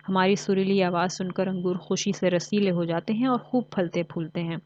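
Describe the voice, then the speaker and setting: A woman's voice: on the low side, fairly even intonation, moderate pace, a little mellow, dry recording, dull audio, natural voice. A woman playing a clever scolding cuckoo. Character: clever quick-witted female cuckoo bird.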